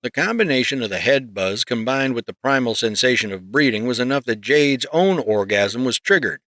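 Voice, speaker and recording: A man narrating a story in the first person, reading in a steady, measured way close to the mic. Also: medium pitch, dry recording. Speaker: audiobook narrator.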